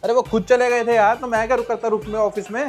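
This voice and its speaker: An actor playing a harried young husband and son-in-law, defensive at home and exasperated on work phone calls. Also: male voice, very high voice, level tone, fast talker, faint music behind. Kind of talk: comedy sketch acting.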